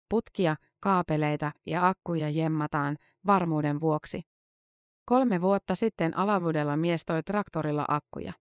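A woman reporter reading a scripted news-feature narration in a measured, matter-of-fact way. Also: low-pitched, no echo, clean studio sound.

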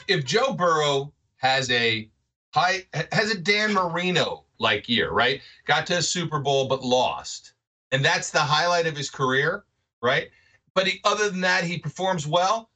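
A man's voice: sits high, far from the mic. A man co-hosting a sports podcast, arguing in casual chat and checking in with "right?" over and over. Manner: animated, keeps asking "right?". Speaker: podcast co-host.

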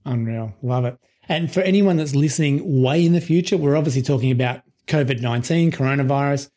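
A man's voice: mid-range voice, a little fast, dark tone. A man, hosting and interviewing in a conversational podcast style.

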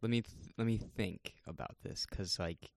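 A man co-hosting a casual podcast who hesitates and thinks out loud while he talks. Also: fairly low pitch, normal speed, creaky, no room sound. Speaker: podcast co-host. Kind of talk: casual TV episode discussion.

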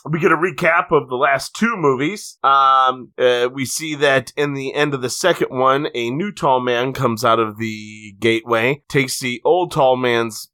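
A slightly tipsy man co-hosting a podcast, giving an informal, halting film recap. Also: mid-range voice, bright, forceful tone. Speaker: podcast co-host. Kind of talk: casual film recap chat.

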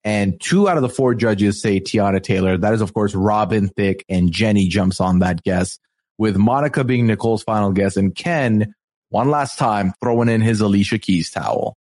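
A man's voice: lowish voice, moderate pace, a little mellow. A man co-hosting a podcast in casual chat, playful and teasing, recapping a TV show with rambling asides. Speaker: podcast co-host.

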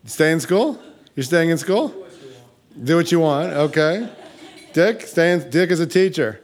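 A man's voice: a little high, lively intonation, measured pace. A man hosting a small live event, chatting loosely, joking and calling on people in the audience. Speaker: event host. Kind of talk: casual live-event wrap-up.

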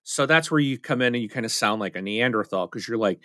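A man's voice: mid-range voice, animated, fast, a bit bright, dry recording. A middle-aged man chatting casually as a podcast co-host, rambling and telling stories with many fillers. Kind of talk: casual chat.

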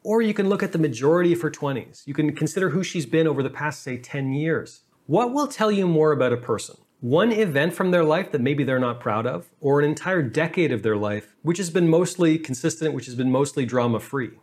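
A man's voice: on the high side, expressive, fairly quick, hardly any pauses, darkish tone. A man hosting his own channel, giving relationship advice in an emphatic solo talk and repeating key phrases for stress. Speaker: relationship coach and channel host.

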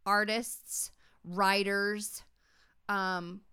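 A woman with a Southern drawl talks through local events as a podcast co-host. Her voice is smooth and clear at a middle pitch, and her delivery is chatty and eager. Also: level tone, extremely slow, pushed and bright. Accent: Southern American. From South Carolina Lowcountry. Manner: chatty and enthusiastic, with Southern turns of phrase. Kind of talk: casual chat.

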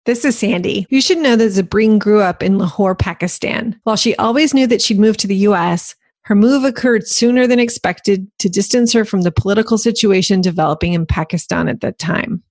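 A woman's voice: medium pitch, a little fast, hardly any pauses, darkish tone, no echo. A woman hosting a podcast, reading a guest introduction and asking questions in an upbeat, welcoming way. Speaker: podcast host. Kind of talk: scripted intro and interviewing. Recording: dry close studio mic.

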